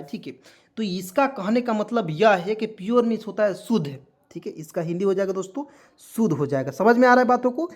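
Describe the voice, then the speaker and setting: Man slowly spelling out English words. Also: high voice. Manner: spells words letter by letter and repeats them often; keeps asking questions of the viewers. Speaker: English teacher. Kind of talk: spelling-out vocabulary lesson.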